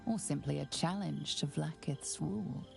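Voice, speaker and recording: An actress playing a solemn storyteller in a fantasy video game, measured and ominous. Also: female voice, low-pitched, gravelly, music in the background. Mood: grave, ominous. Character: solemn omniscient woman narrator of a dark fantasy tale. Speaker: narrator. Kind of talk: scripted dramatic game narration.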